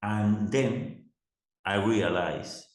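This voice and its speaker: Halting non-native man, low and echoey. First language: not English. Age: middle-aged. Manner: searches for English words as if translating in his head, halting and repeating. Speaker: interviewer and CBT therapist. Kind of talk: conversational interview. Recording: echoey room sound.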